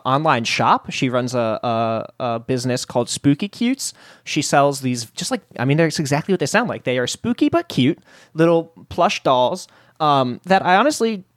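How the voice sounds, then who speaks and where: Giggly, lively podcast host. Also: medium pitch, dry recording, studio quality. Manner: giggly, bouncy, animated talk. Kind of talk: casual movie review chat.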